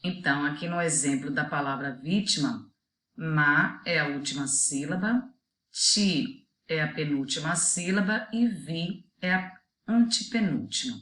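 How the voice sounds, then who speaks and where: Slow, low-voiced woman teacher. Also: a bit bright. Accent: Brazilian Portuguese. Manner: slow, deliberate, spells out example words one by one. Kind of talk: children's video lesson. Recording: echoey room.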